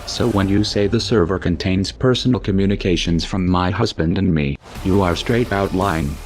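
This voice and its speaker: A man speaking through a disguised deep voice, reading a cold, measured, menacing scripted statement. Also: a little mellow, faint music behind.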